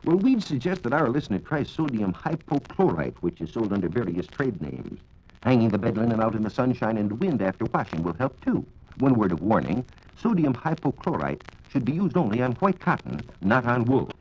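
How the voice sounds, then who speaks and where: Answering listener questions on a 1940s radio show, this American science reporter delivers exact, formal explanations from a script. He talks briskly in a mid-range, sing-song voice that is a little mellow with a breathy edge. The sound is dull and lo-fi, like an old broadcast.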